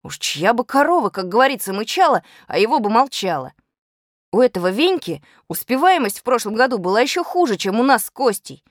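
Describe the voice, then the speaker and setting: A woman narrating a children's story in an expressive, lively way. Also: a little high, brisk, dry recording, clean studio sound. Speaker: audiobook reader.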